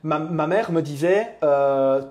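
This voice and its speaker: A man's voice: on the high side, darkish tone. A man in his thirties from Belgium, a coach talking candidly as a guest in a casual interview. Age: 30s. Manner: candid, confiding, fast.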